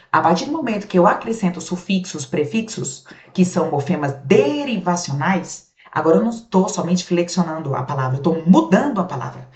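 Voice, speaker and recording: A woman's voice: on the low side, darkish tone. A woman with a Brazilian Portuguese accent teaching a grammar lesson, asking and answering her own questions with casual check-ins to the class. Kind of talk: grammar lecture. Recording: roomy, dull lo-fi sound.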